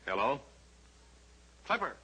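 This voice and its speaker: An actor playing a calm, brave flying cowboy in an old-time radio adventure, speaking in terse, commanding lines. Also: male voice, medium pitch, slow pace, full character voice. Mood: resolute. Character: steady, brave cowboy pilot hero, calm male leader. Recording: old radio recording with faint noise.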